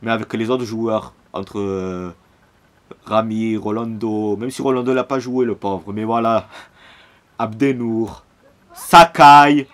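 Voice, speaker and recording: A man's voice: on the low side, steady tone, a little slow. A man with a Marseille accent, a football fan vlogger ranting casually about his team, rambling and heated with slang and fillers. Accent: Marseille French. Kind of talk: casual rant to camera.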